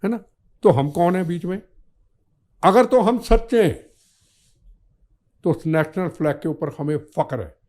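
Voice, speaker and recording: An older man talks with heat and fire, building each point through insistent repetition. His voice sits high for a man. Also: lively intonation, measured pace, pauses often, darkish tone. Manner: fiery, declamatory, repetitive rhetoric. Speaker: podcast guest, former minister. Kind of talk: impassioned political talk.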